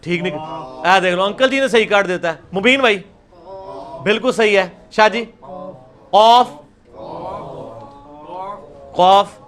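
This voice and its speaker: High-voiced man drilling sounds. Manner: demonstrates sounds by repeating them slowly and loudly. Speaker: Quran recitation teacher. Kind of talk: online class teaching.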